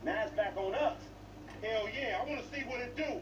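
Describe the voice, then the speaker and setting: A man's voice: high-pitched, crowd noise, close to an everyday voice, poor audio. A man voicing a brash young male street hustler with a cocky, slang-heavy swagger, heard as video game dialogue with background noise. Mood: boastful.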